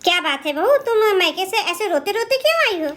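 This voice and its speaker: A woman voicing a nosy, sharp-tongued elderly mother-in-law in a doll drama, scolding and prying. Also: extremely high pitch, big pitch swings, brisk, exaggerated voice.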